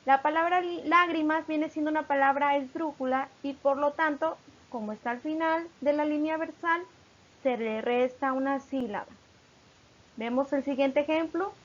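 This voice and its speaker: A woman from Mexico, a teacher narrating a recorded lesson, explaining patiently and reading examples slowly. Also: sits high, dull audio.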